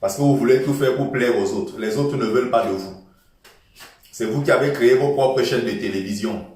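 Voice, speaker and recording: A political commentator delivers a passionate, lecturing monologue, driving his points home through repetition. His middle-pitched, somewhat dark voice moves fairly quickly and sounds far from the mic, with heavy echo in the room.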